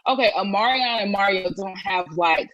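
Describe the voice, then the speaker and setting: A woman's voice: mid-range voice, normal speed, a bit bright, lo-fi sound. A woman co-hosting a casual chat podcast, opinionated and emphatic, with frequent restarts. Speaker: podcast co-host.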